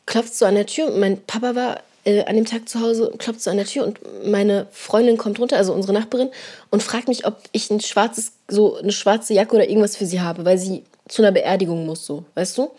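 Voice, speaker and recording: Brief: young woman podcast co-host, quick rambling storyteller, low-key mellow tone. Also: steady tone. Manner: rambling, lots of fillers and slang tags. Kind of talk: casual storytelling chat.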